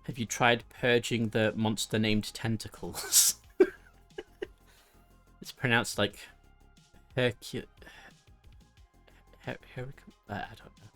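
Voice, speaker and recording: A man's voice: lowish voice, flat delivery, unhurried, pauses often, sharp tone, faint music behind. A man chatting casually on a live stream, rambling and laughing often.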